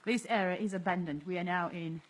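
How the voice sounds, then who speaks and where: Soft spoken guy streaming live outside, thoughtful, second-language english. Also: sits high, fairly even intonation, brisk. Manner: soft-spoken, reflective, laughs often. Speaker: livestream host. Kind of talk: casual livestream vlog. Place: outdoors in an abandoned area.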